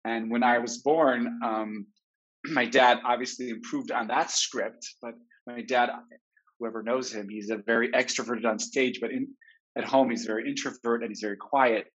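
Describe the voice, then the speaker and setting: A man in his forties from Israel, a therapist giving a webinar talk, telling his own story in a candid, reflective way, heard through low quality webinar stream audio. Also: fairly even intonation, normal speed, a bit bright. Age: 40s. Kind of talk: personal storytelling lecture. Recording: dull lo-fi webinar recording.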